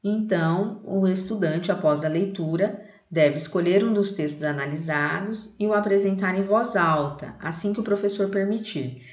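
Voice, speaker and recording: A woman's voice: fairly low pitch, normal speed, hardly any pauses, reverberant. A Brazilian woman teaching a lesson and reading a children's poem aloud, explaining to the class with frequent "né" and "tá".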